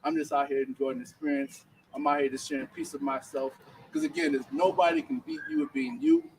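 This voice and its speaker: A man's voice: on the high side, fairly even intonation, fast, vocal fry, a little mellow. A man from Liberia doing freestyle stand-up at an open mic, loose and conversational. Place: outdoor bonfire event. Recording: distant mic with background noise.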